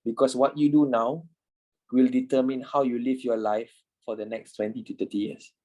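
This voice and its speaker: A man's voice: medium pitch, steady tone, normal speed, warm tone, rough recording. A man in his twenties, a trading instructor talking informally in an online class, repeating himself and swearing casually. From Malaysia. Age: 20s.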